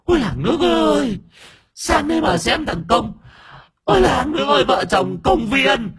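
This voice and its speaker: A man's voice: medium pitch, big pitch swings, normal speed, gravelly, a bit bright, husky, voice pushed up, full character voice. A man voicing a possessed old woman whose hateful spirit hisses and shrieks curses in a storybook.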